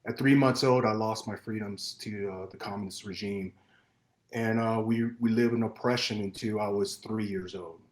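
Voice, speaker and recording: A middle-aged man born in Vietnam, guest on a podcast, telling his life story in an earnest, measured way with many fillers and restarts. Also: on the low side, steady tone. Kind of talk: personal storytelling in interview. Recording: roomy echo.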